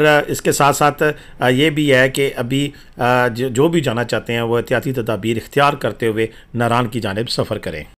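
Chatty man narrating a travel update. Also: medium pitch. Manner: chatty, informal, with frequent fillers. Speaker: travel vlogger giving weather updates. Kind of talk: casual voice-over narration.

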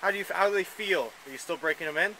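A man's voice: high voice, rapid-fire, pushed and bright, a little hiss or hum, low-quality recording. A young man chatting casually to a handheld camera outdoors, rambling and joking as he goes. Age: young adult. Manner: rambling, jokey. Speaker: vlogger, house painter. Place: outdoors around a wooden deck and yard. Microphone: camera held at arm's length.

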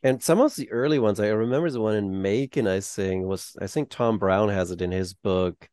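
A man's voice: lowish voice, normal speed, darkish tone, smooth, no room sound, clean studio sound. A man co-hosting a podcast over a video call, mostly adding short replies and now and then telling a loose anecdote. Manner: brief backchannels, loose storytelling. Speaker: podcast co-host. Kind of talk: casual interview.

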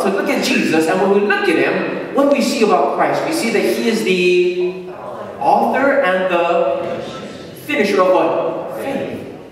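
A man preaching a sermon, posing questions for the congregation to answer and slowing down to stress key words. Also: high voice. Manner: call-and-response questions to the congregation; emphatic, slows down on key words. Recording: echoey hall, distant mic, faint hiss.

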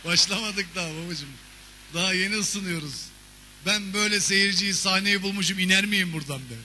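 A man's voice: high voice, a little fast, a little hiss or hum. A man performing a stand-up comedy monologue on a theater stage, telling stories animatedly. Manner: animated storytelling with shouted character voices. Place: theater stage before a live audience. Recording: long reverb of a stage hall.

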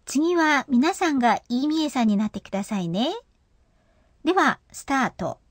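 Woman teacher walking learners through pronunciation, patient, a bit high pitched. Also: big pitch swings, moderate pace, no room sound, studio quality. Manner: patient, explanatory. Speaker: language teacher. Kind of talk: radio language lesson.

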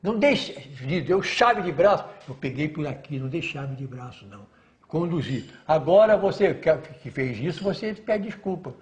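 An older man, a retired general, telling an anecdote in an interview with emphatic, animated delivery, often stammering and repeating words as he acts out the dialogue. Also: a little high, normal speed.

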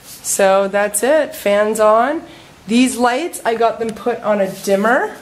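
Poor audio captures this vlogger's higher-pitched voice, moving at a slow pace as she walks through her home. In her thirties, she keeps things casual and cheerful, filling her talk with "like" and "you know" while showing off a house with an open patio in a warm climate, her phone camera often out at arm's length.

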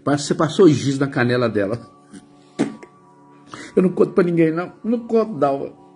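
A Brazilian man with a slightly raised pitch chats through a casual live stream, greeting viewers one by one and teasing them playfully. Soft music plays faintly underneath his voice. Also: big pitch swings, a little fast. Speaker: psychic live-stream host.

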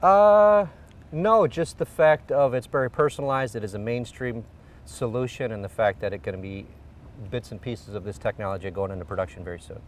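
A man's voice: medium pitch, lively intonation, a little fast, recorded from a distance, slight background noise. A middle-aged man, an engineering executive, explaining a product in an outdoor on-camera interview with frequent fillers. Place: outdoors beside a car. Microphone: lapel.

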